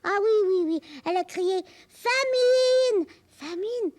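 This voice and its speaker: An actress voicing a lively, curious little girl on a children's TV show. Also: very high voice, unhurried, dry recording. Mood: eager. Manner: eager, childlike, bragging. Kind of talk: children's TV acting.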